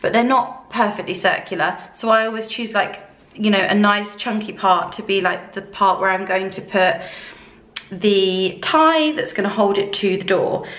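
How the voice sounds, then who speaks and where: A woman with a croaky voice, chatting casually through a craft tutorial with many fillers. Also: medium pitch, normal speed, a bit bright. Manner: rambling, conversational, many fillers. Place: room at home under ceiling spotlights. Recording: echoey room.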